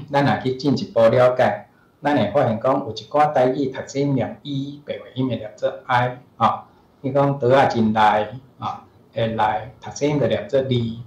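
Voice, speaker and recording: A man speaking with a Taiwanese accent, lecturing as a professor on the Taiwanese language, explaining patiently and often clearing his throat. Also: mid-range voice. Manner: explanatory, frequent throat clearing and filler particles. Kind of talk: online lecture. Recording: roomy echo.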